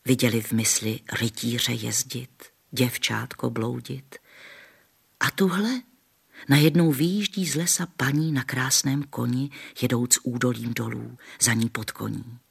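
A man reading a classic novel aloud as audiobook narrator, in a steady, plain storybook manner. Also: medium pitch, creaky, slightly rough.

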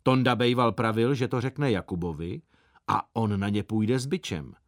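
A man reading a children's story aloud in a lively, playful way. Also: fairly low pitch, no echo, studio quality. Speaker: audiobook reader. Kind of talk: expressive storybook narration.

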